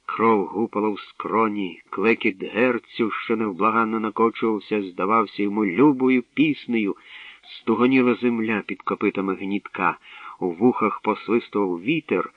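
A man narrating a novel in a steady, measured reading. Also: lowish voice, dry recording. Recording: tinny lo-fi radio recording, distant.

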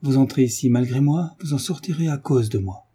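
A man's voice: medium pitch, brisk, warm tone, breathy edge, lightly acted. A man reading the lines of a defiant, sullen teenage boy in an audiobook.

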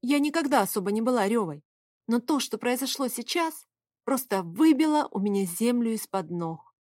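A woman's voice: on the high side, animated, moderate pace, darkish tone, no room sound. A woman narrating a first-person novel in an audiobook, reading with emotional expression at a close mic.

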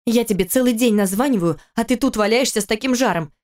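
A sharp-tongued wife and mother, sarcastic and scolding, her voice pitched up and pushed louder, as a woman narrator plays her. She sounds urgent and bossy in a storybook reading. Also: fast talker, lightly acted.

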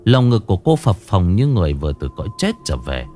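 A man narrating a horror story in a slow, dramatic storytelling manner. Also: sits low, sing-song, warm tone, faint music behind.

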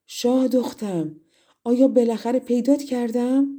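A woman's voice: on the high side, warm tone, voice pushed up, lightly acted. A woman narrator voicing a loyal, sorrowful young king turned into a blue bird in a fairy tale, speaking tenderly and pleading.

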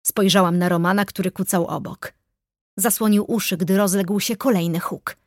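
A woman narrates a first-person audiobook at a mid pitch, measured and wry. The recording is close and dry, with no room echo at all. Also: steady tone, darkish tone. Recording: dry close studio sound.

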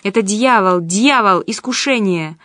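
A woman voicing an enraged, shouting man. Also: mid-range voice, a little slow, no room sound, studio quality, lightly acted. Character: furious domineering man in a castle.

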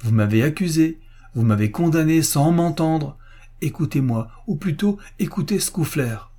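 A man's voice: a little high, animated, moderate pace, warm tone, voice pushed up. A man voicing a young man pleading urgently and earnestly with his father in a storybook reading.

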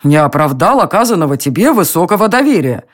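A woman's voice: lowish voice, very animated, quick pace. A woman voicing an exasperated elf king who grumbles and hastily placates his wife in a storybook reading. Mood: gruff.

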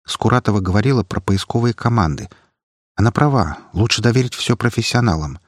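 A man's voice: fairly low pitch, expressive, brisk, dry recording, studio quality, pitched above the performer's own voice. A man voicing Svetlana, a worried, sensible young woman student who reproaches and cautions the others. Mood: pleading.

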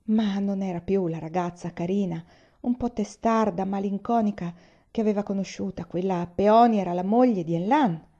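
A woman narrating an audiobook, calm and measured storytelling. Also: medium pitch, muffled recording. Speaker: reader.

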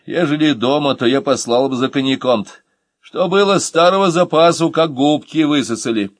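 A loud, scolding old nanny, as a male audiobook reader puts her on, her voice pushed up higher and swinging through a lively range. She grumbles in a folksy, no-nonsense way, and the recording is close and dry. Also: normal speed, dry recording, lightly acted. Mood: grumbling. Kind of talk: audiobook character voice.

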